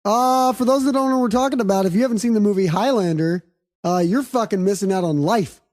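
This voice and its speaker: A woman's voice: medium pitch, quick pace, mellow. A woman hosting a casual film review chat, speaking emphatically with plenty of slang and swearing. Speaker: podcast host.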